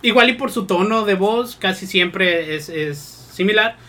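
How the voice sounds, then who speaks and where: A man's voice: sits high, a little slow, a bit bright. A man with a Mexican accent on a casual podcast panel, blunt and argumentative, swearing freely. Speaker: podcast co-host.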